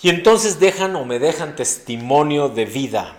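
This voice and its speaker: A man's voice: a little high, animated, normal speed, a little mellow. A middle-aged man preaching a sermon as a pastor, earnest and preacherly, with sudden emphatic rises.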